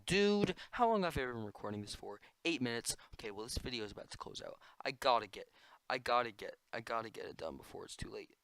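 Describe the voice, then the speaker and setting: A young man giving goofy, excitable commentary while playing a computer game, prone to sudden yelling. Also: lowish voice, smooth, no room sound, low-quality recording. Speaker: gamer. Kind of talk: gameplay commentary.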